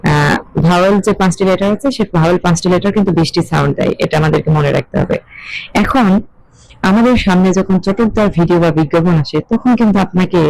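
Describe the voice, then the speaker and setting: Gravelly-voiced woman teaching. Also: lowish voice, darkish tone, no echo, rough recording. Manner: measured, questioning teacher's explaining. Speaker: English teacher. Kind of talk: explanatory video lesson.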